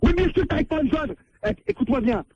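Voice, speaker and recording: A man's voice: extremely high pitch, lively intonation, very fast, darkish tone, no echo. A man who is being pranked, angrily ordering the caller out and repeating himself. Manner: angry, insistent, repeating himself. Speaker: prank call victim, landlord. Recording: muffled dry phone line.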